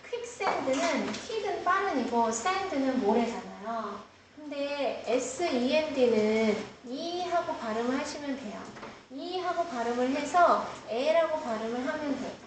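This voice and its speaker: A woman's voice: high voice, expressive, measured pace, noisy background. A woman teaching an English lesson in a classroom, explaining step by step and asking the class questions. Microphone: screen-recorded, far from the mic. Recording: roomy classroom, distant mic.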